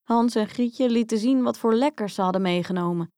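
A woman's voice: a little high, fairly quick, dark tone, smooth, no echo. Woman reading a fairy tale, dry sound. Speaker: storyteller. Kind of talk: fairy tale read aloud.

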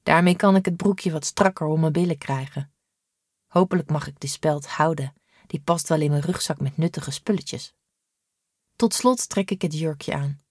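A woman narrating a children's story in an even, clear reading. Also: sits low, normal speed, no echo, clean studio sound. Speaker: audiobook narrator.

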